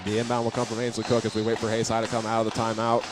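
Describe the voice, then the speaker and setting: A man gives racing live basketball play-by-play from an indoor arena in a lowish, monotone voice, now and then stumbling over or repeating a word. Music plays in the background amid noisy gym ambience.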